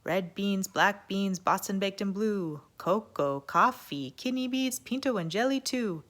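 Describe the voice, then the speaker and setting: A woman's voice: mid-range voice, unhurried, fairly bright tone, pitched above the performer's own voice, natural voice. Woman as an earnest little Chihuahua companion.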